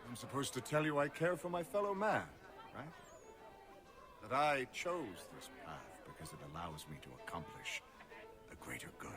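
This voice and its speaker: An actor playing a mercenary male physician who talks calmly and reasons coolly in a game scene. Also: medium pitch, natural voice. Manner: calm, measured, coolly reasoned. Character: cold, mercenary male doctor who loves money. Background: game music.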